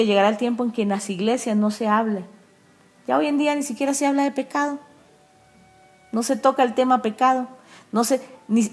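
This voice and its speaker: A woman's voice: on the high side, darkish tone. A woman preacher from Costa Rica with a Costa Rican accent, giving an earnest, emphatic testimony in an interview. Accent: Costa Rican Spanish.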